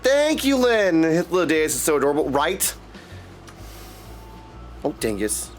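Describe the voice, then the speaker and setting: Over game music, a lively, slangy man livestreams a game, giving commentary and chatting loosely with his viewers. He has a fairly high, sing-song voice and an unhurried delivery.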